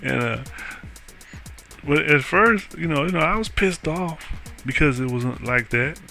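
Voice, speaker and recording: A man's voice: fairly high pitch, lively intonation, measured pace, creaky, pushed and bright, faint music behind. A man telling a story in an indignant, profane rant, often laughing at his own account.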